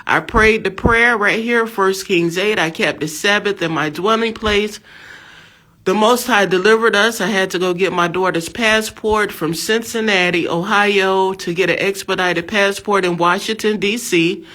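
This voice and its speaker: This American woman in her fifties has a medium-pitched, fairly bright voice and talks a little slowly. Her fervent preaching monologue is a religious testimony full of emphatic exhortation and repeated phrases.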